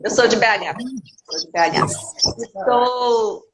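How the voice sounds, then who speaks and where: A woman's voice: a little high, takes it slowly, background noise. A woman in her forties from Minas Gerais, a guest chatting candidly in an interview, often restarting her sentences. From Minas Gerais, Brazil. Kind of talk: casual interview chat.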